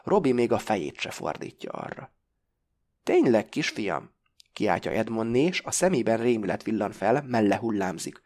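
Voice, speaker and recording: A man reading a first-person novel aloud as an audiobook, calm and measured. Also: on the low side. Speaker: audiobook reader.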